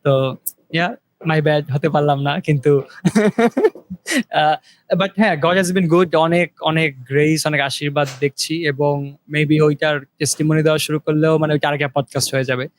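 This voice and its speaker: A young man co-hosting a casual podcast from a remote call. He talks in a relaxed, halting way, mixes Bengali and English, and uses many fillers. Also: fairly high pitch. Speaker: podcast co-host sharing his story.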